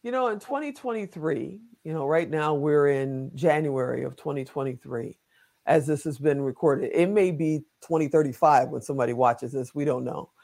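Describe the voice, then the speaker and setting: Chatty high-voiced male host. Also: normal speed, gravelly, a little mellow. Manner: chatty, rambling, jokey. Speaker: interview host. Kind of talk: casual interview talk.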